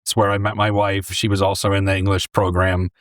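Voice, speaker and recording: A man from New York in his forties, a deli owner and former English teacher, telling his story in a relaxed, rambling way on a close podcast mic. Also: low voice, fairly quick, no room sound. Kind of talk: casual interview storytelling.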